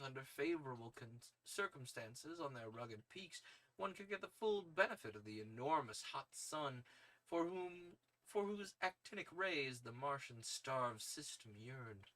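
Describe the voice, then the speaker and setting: A man's voice: medium pitch, lively intonation, unhurried, bright, forceful tone, poor audio. A man reading a story aloud on a stream, moving between narration and casual asides.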